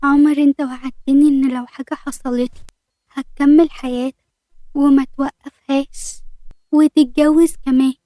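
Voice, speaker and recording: A young bride hiding her illness, speaking softly to reassure those around her, voiced by a woman narrator. The voice is mellow, a bit high, and dry. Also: level tone, moderate pace, no echo, close to an everyday voice. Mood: reassuring. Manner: soft, reassuring.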